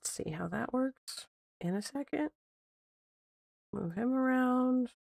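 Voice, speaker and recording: A woman who sounds squeaky like a toy because she is sick, chatting casually on an art livestream and thinking out loud as she works. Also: expressive, takes it slowly, creaky, no echo. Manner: thinks out loud, repeats herself. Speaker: art streamer. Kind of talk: casual livestream chat while drawing.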